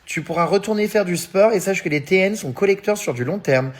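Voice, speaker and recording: His voice is high, expressive and brisk. This thirtysomething vlogger chats loosely with his followers, reading and replying to fan messages in a storytelling style, peppering his speech with hein and euh and frequently laughing mid-sentence.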